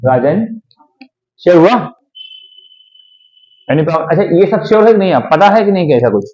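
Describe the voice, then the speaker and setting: A man teaching English grammar to a class, coaxing and checking again and again that students understand, slowing down to dictate sentences. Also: on the high side, expressive, a little mellow, lo-fi sound. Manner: calls students beta, slows to dictate sentences.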